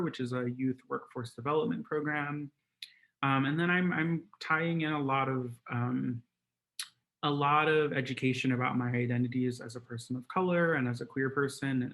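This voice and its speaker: A man's voice: medium pitch, a bit bright. A man born in Guatemala and raised in Maryland, giving an online presentation in a conversational way with many filler words.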